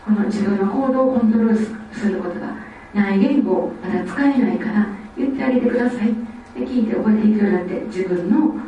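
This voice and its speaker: A woman from Osaka, giving a lively lecture on child development. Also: medium pitch, a little hiss or hum. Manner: lively, acts out children's speech. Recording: echoey hall, distant mic, faint ambience.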